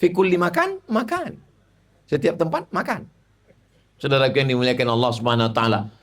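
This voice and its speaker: A man preaching, lively and drilling through verb forms at speed before an audience. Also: mid-range voice. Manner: animated, conjugates verbs in rapid drills and mimics audience questions. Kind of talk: religious lecture.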